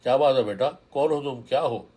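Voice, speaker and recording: A man's voice: medium pitch, mellow, breathy edge, lightly acted. A man voicing an elderly, kindly male cart driver who talks in a fatherly way and calls the young man son, read in a horror storybook. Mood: startled. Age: older.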